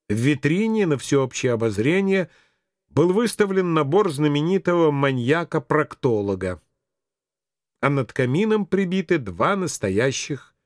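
A man's voice: a little high, dry recording, clean studio sound. A man narrating a first-person fiction audiobook in a wry, dryly ironic tone.

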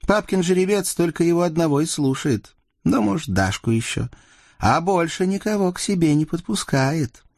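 A man doing a sharp-tongued teenage Cossack girl. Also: fairly high pitch, animated, no echo, clean studio sound, pitched above the performer's own voice. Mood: teasing. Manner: mocking, quick retorts. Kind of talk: storybook reading with voices.

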